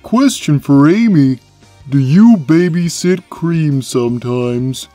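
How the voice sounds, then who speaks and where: A low, mellow voice for a huge, gentle male cartoon cat, performed by a woman. He talks slowly and plainly, placid and deadpan in a simple-minded way. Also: faint music behind. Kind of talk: animated character Q&A, fan dub.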